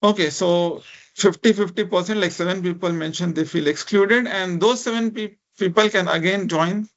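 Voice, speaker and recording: With lo-fi sound, a man speaks in a high-pitched voice at normal speed. An Indian speech technology researcher and lecturer, he uses English as a second language after a minority language of India, and his accented, informal, encouraging online lecture is full of "right?" and "you know."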